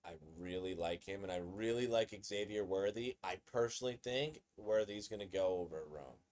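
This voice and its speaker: A man hosting a casual sports commentary video, excitable and conversational, often repeating himself. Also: fairly low pitch, moderate pace, a little hiss or hum.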